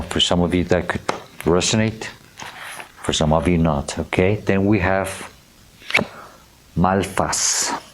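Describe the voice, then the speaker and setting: A man with a very low voice gives a tarot reading to camera. He talks slowly and gently, reading card meanings aloud and tripping over unfamiliar names. He keeps checking in with his listeners. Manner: gentle and earnest, often checking in with "okay?". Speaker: tarot reader.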